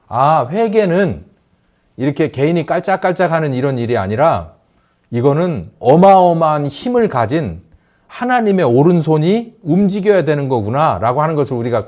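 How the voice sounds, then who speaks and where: A male pastor preaching a sermon, asking the congregation questions and acting out shouted quotes. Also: a little high.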